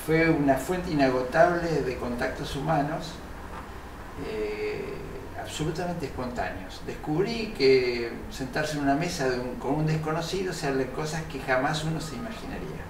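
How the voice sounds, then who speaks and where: A man's voice: medium pitch, animated, normal speed, creaky. An older man born in Italy, answering interview questions earnestly, with many hesitant fillers. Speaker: interview guest, engineer and researcher. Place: TV studio set. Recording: roomy, distant mic, noisy.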